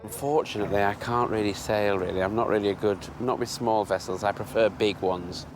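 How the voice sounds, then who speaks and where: A man's voice: lowish voice, steady tone, a little fast, background noise. A man with a Yorkshire accent, a chatty and fussy tour guide talking to the camera. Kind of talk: casual chat to camera.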